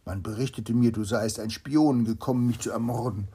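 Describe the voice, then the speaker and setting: A man reading a fairy tale aloud to a child, voicing a suspicious, hot-tempered old king with a gravelly, husky voice. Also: medium pitch, moderate pace, mellow, lightly acted. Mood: angry.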